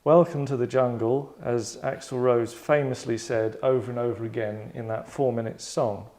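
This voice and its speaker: Directing a table read for actors in London, this host talks to the group at a normal speed in a mellow, mid-range voice with fairly even intonation. His explanations are casual, rambling, sardonic, and mock-dramatic.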